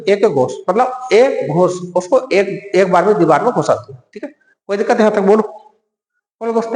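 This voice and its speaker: A man teaching an exam-prep lesson with memory tricks. He repeats each point, quizzes his listeners, answers himself and keeps calling them friend. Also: high voice. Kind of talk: mnemonic-based classroom lecture. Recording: echoey room with long reverb.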